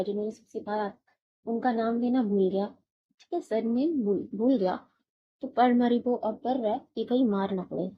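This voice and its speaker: A woman's voice: mid-range voice, dark tone, slight background noise. Repetitive woman teacher on a muffled recording. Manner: repetitive, explains each trick several times. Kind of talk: exam-prep lesson with memory tricks.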